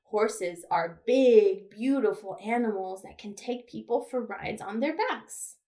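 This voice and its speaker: Warm, expressive, and a little slow, a medium-pitched woman leads toddler storytime as a children's librarian. Her reading is simple and aimed at small children, sprinkled with questions and playful animal sounds.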